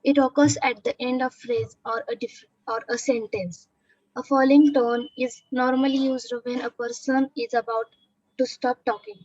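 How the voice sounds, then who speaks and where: A woman's voice: high-pitched, flat delivery, normal speed, a little mellow, dry recording, muffled recording. A female student reading a textbook passage aloud carefully in class.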